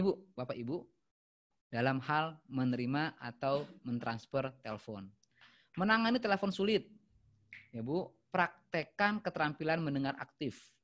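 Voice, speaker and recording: A man's voice: fairly high pitch, fairly bright tone. A man teaching a workshop who talks straight to his audience and acts out example calls. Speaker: trainer. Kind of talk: workshop lesson on phone etiquette.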